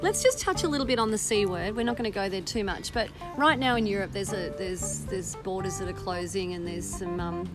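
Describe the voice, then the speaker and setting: A woman's voice: medium pitch, fairly quick, few pauses, over music. A woman hosting a podcast interview, chatty and enthusiastic, often jumping in on her guest. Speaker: podcast host.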